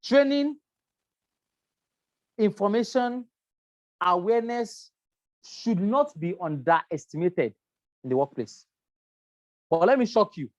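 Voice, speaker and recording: A workplace safety trainer giving a lecture with slides, stressing key points by repeating them and pausing often with um. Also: medium pitch, animated, no room sound, lo-fi sound. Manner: emphatic, repeats key points, frequent um fillers.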